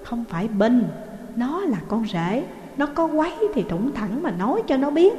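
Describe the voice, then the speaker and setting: A woman reading aloud and voicing an older mother who speaks mildly and tries to calm her husband, in a roomy space. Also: on the high side, moderate pace, highs cut off, pitched above the performer's own voice. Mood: placating. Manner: soothing, pleading. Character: older mother, placating and mild. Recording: roomy echo, long reverb.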